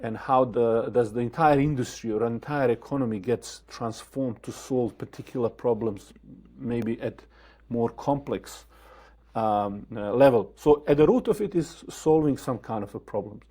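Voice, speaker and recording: A man from Bosnia, a guest answering interview questions in a thoughtful, halting way with many fillers and restarts. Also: mid-range voice, dark tone.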